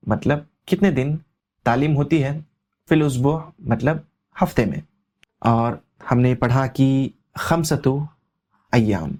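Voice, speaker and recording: Male language tutor, mid-pitched, methodical, glosses each term and repeats it. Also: darkish tone. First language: Urdu. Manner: translates word by word, repeating each meaning. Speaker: Arabic teacher. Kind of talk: explaining vocabulary line by line.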